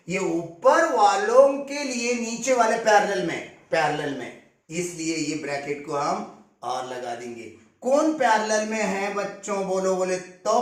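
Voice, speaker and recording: Slow high-voiced man teaching maths. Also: fairly bright tone. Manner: explains step by step, asks checking questions. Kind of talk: classroom lecture. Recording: echoey room, distant mic.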